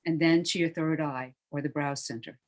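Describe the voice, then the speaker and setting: A calm meditation guide leads listeners down into deep relaxation. Speaking slowly, hushed and soothing, at an ordinary middle pitch, she lets each phrase fade almost to silence.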